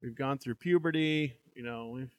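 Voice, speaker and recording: A man's voice: mid-range voice, moderate pace, dry recording, studio quality. Laughing man reading a gamebook aloud. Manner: reads with frequent laughs. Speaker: podcast co-host reading a gamebook. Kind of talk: live reading aloud with banter.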